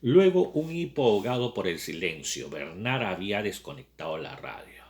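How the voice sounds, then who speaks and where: A man's voice: on the low side, big pitch swings, moderate pace, darkish tone. A man reading a novel aloud and commenting on it as a lecturer, often adding rhetorical tag questions. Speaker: lecturer on literature.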